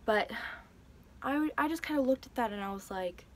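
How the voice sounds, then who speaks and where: A woman's voice: on the high side, lively intonation, normal speed, a little hiss or hum. A young woman telling a personal story in a vlog, hesitant and emotional, with many fillers and restarts. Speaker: vlogger.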